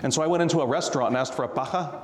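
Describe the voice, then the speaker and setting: A real estate tax attorney guest talks very fast in a slightly high voice, telling stories and explaining tax rules to a live audience while laughing often. The casual, jokey talk carries roomy hall reverb and a bit of hiss or hum.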